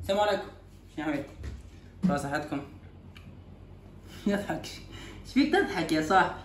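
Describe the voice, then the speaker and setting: A Tunisian man whose voice is pitched up, teasing and repeating himself in playful banter. He sounds very high, with a lively, swooping delivery. The recording has a roomy echo. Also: fairly quick, slight background noise. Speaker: comedy video host.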